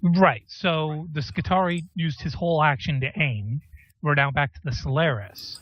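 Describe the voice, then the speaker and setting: A man's voice: fairly high pitch, dry recording. A man narrates as game master, explaining rules and stopping often to check the book. His voice comes through dull and lo-fi, and the recording is dry with no room sound. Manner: explains rules while looking them up, many pauses. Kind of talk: running a tabletop game over voice chat.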